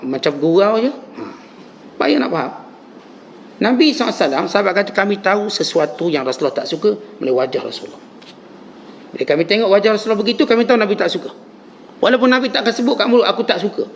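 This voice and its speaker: Animated Malaysian male preacher. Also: gravelly. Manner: animated preaching, rising emphatic pitch on key phrases. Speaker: religious teacher. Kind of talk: dawn mosque lecture. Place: mosque lecture hall. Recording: dull lo-fi lecture recording with faint hiss.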